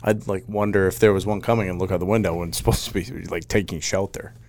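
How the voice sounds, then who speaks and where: A man's voice: low voice, fairly even intonation, quick pace, a little mellow, slight background noise. A man with a nasal, congested voice, chatting casually and rambling as a podcast co-host. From Maine. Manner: rambling, laughs often. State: congested, recovering from covid. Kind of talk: casual chat.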